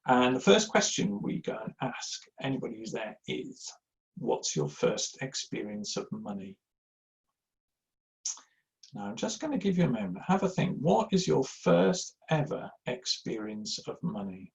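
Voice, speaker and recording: Gravelly-voiced man telling anecdotes. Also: mid-range voice, sing-song, measured pace. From Yorkshire, England. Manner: rambling, anecdotal, self-deprecating, many fillers. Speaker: church giving speaker. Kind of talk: informal talk to a live audience. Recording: slightly dull lo-fi sound.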